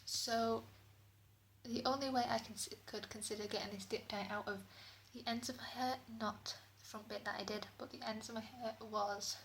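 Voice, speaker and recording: A woman's voice: on the high side, fairly even intonation, normal speed, fairly bright tone. A British woman giving a casual spoken product review as a beauty vlogger, her voice echoing in a bathroom. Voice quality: echoey sound. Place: indoors, echoey bathroom. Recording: echoey bathroom, clear background noise.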